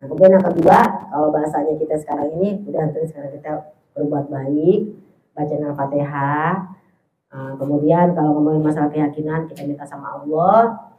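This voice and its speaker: Speaking fairly fast in a deep, steady voice, this woman preacher leads an informal religious study session at a mosque hall. Her manner is warm and conversational, and she addresses the audience as "sayang." There's a bit of hiss or hum, and the hall sound is dull and echoey.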